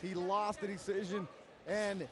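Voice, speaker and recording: A man's voice: sits high, flat delivery, measured pace, a crowd in the background. A man calling a live MMA fight play-by-play, emphatic and given to storytelling.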